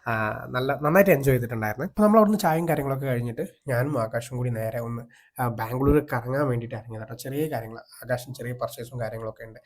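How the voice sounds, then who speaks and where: A Malayali man narrates a casual vlog at a very quick pace. His voice sits at an average male pitch. He talks conversationally, mixing English words into his Malayalam. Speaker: vlogger, host.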